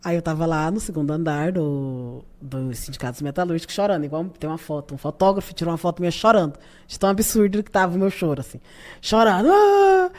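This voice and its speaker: A Brazilian woman with a Brazilian Portuguese accent, a podcast guest telling animated stories full of laughter. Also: sits low, fast. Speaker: guest, youth party leader. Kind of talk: casual storytelling interview.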